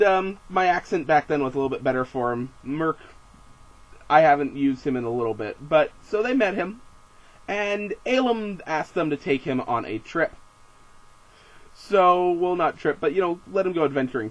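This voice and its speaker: A young man recapping his tabletop game as game master in a casual, rambling and amused way, with many fillers and self-corrections. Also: fairly high pitch. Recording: dull lo-fi home recording.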